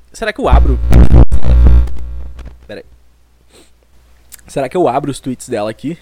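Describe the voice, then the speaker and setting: This podcast host is a young Brazilian man in his twenties whose voice is a little high, recorded close to the mic with no room sound. On his solo comic podcast he talks in a rambling, self-mocking, profane way.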